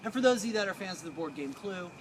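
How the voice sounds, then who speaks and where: A man's voice: high-pitched, animated, racing. A man working as a ghost tour guide, telling stories theatrically to a live group in a colloquial, wry way. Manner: colloquial, wry, acts out dialogue. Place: outdoors on a city street. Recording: outdoor street noise with traffic.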